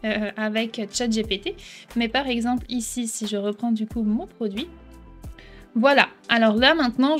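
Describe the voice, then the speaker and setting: Chatty woman walking through a tutorial. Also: a little high. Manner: chatty, explains step by step, keeps asking "d'accord?". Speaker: software tutorial host. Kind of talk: casual screen-recording tutorial.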